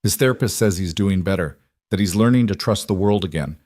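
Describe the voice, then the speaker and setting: A man voicing a calm, reserved rich father. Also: deep voice, a little fast, no echo, studio quality. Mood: pensive. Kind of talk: dramatized story reading.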